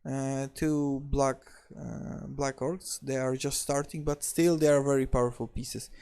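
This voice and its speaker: Gravelly-voiced man in casual recap chat. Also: medium pitch, flat delivery, a little mellow. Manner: joking, restarts, halting filler-heavy phrasing. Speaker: league recap co-host.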